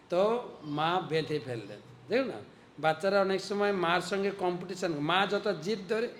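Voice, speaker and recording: High-voiced, slow-speaking male preacher. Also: slight background noise. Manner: animated, dramatic storytelling with acted voices. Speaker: monk giving a sermon. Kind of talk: storytelling sermon.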